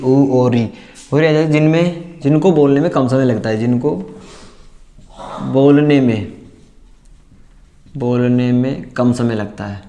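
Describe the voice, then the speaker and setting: A man teaching a class, repeating terms slowly and asking and answering his own questions as he writes them down. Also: mid-range voice, darkish tone. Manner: dictates as he writes. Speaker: Hindi teacher. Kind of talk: classroom lesson at a board.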